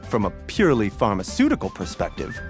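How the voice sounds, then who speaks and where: Courteous male herbalist, composed, formal, expressive varied pitch, video game dialogue, faint music. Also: fast talker. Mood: measured, helpful. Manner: formal, polite.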